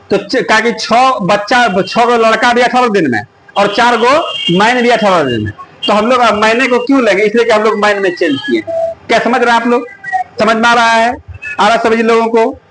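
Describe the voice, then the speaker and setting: A man's voice: very high voice, fairly bright tone, slight background noise, low-quality recording. A man teaching a classroom math lesson, often stopping to ask the students whether they follow. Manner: coaxing, keeps asking the class if it is clear. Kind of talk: classroom lecture.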